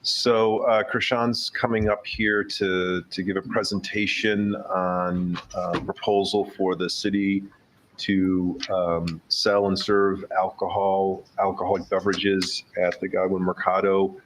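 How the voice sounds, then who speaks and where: A man in an official role briefing a meeting in a halting, measured way. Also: low-pitched, little pitch movement. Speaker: city official. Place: council meeting room. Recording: clear background noise.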